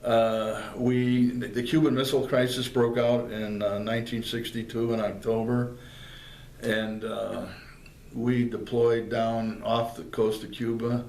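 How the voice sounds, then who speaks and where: A man's voice: medium pitch, level tone, unhurried, darkish tone. An older man from northeastern Pennsylvania, telling his service stories in a plainspoken way with many fillers and restarts, interviewed in a library. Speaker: veteran interviewee. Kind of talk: oral history interview. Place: public library room. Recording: roomy, with faint background noise.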